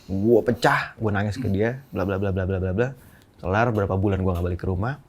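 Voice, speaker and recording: Low-voiced young man telling a candid story. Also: brisk. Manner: candid, emotional storytelling in slangy casual speech with fillers. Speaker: guest. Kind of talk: casual podcast chat.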